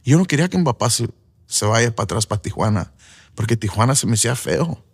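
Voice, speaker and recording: A man's voice: medium pitch, very animated, fast talker, husky. A man giving an earnest personal testimony as a preacher, slipping in English fillers. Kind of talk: emotional first-person testimony.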